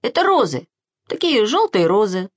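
A woman voicing an impulsive little boy in a storybook reading, eager and quick to take offence. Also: medium pitch, sing-song. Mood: indignant.

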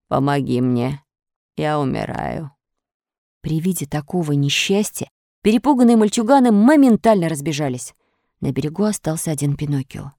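A woman narrating a children's storybook with animated, expressive storytelling. Her voice sits in a middle range and rises and falls in a lively way. The recording is dry and close. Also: mid-range voice, dry recording.

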